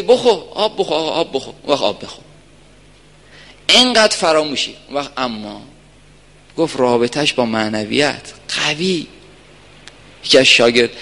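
Man, religious lecture, gravelly voice, earnest storytelling, long hall reverb. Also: a little high. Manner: earnest, storytelling, swings from soft to emphatic.

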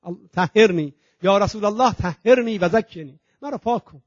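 A high-pitched man delivers an impassioned sermon, swelling to loud proclaiming and dropping to a hush, and he stretches out recited Arabic phrases. The recording is dry and dull, with a lo-fi edge. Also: dry recording. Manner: impassioned, swings between loud and hushed, slow drawn-out Arabic recitation. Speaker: preacher. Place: religious centre hall.

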